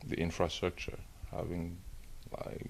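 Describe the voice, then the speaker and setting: A young man from Mauritania talks about his studies in a matter-of-fact way. His voice sits extremely low and has a gravelly fry, with faint hiss behind it. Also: monotone, measured pace. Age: young adult. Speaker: student. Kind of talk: interview answers.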